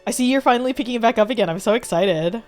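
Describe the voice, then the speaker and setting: A woman's voice: a little high, very fast, darkish tone, soft background music. A young woman streaming a game, chatting casually and giggling with her viewers.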